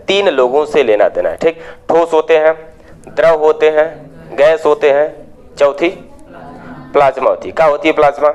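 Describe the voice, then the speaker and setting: Call-and-response chemistry teacher. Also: male voice, lo-fi sound. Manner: call-and-response questioning, drops low to answer himself. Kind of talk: classroom lecture.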